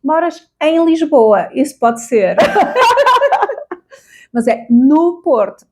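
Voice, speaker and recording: A woman's voice: high-pitched, sing-song, very slow. A woman from Portugal with a European Portuguese accent, co-hosting a casual therapy talk and explaining with frequent tag questions. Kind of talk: casual conversation.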